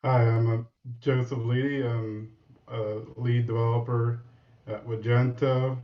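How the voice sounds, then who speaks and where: A male guest developer answering interview questions casually, pausing often with fillers. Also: mid-range voice, level tone. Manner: hesitant, many fillers. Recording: distant, roomy, muffled remote audio.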